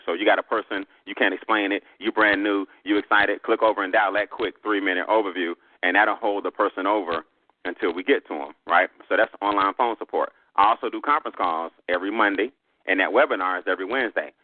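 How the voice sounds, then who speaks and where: A man's voice: lowish voice, fairly even intonation, quick pace, dry recording. Enthusiastic Southern man on a phone line. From American South. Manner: enthusiastic, salesy. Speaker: guest trainer. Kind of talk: phone call pitch.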